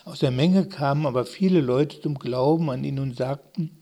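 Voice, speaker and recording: A man reading scripture aloud in a slow, measured way with long pauses. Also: medium pitch, mellow. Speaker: scripture reader. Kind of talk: scripted narration.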